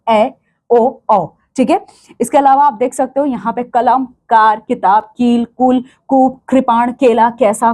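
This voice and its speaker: A woman's voice: fairly high pitch, dark tone. A woman teaching a grammar lesson to children, patiently explaining each point and checking in with "okay" after each one.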